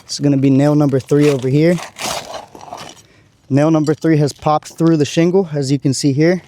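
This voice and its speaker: A man working as a roofer, talking through a shingle repair step by step, his voice going hoarse after a long day. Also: a little high, steady tone, normal speed, dark tone, slight background noise. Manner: careful, explaining each step. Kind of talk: on-site repair walkthrough. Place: on a rooftop outdoors.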